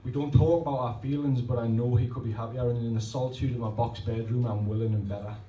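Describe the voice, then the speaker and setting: A man in his 30s talks fast in a mellow, medium-pitched voice with fairly even intonation, the recording muffled with slight background noise. At a pub poetry night he gives rhythmic readings of rhymed poems and chats loosely, putting himself down in the asides, with the function room picked up roomy and distant with faint ambience.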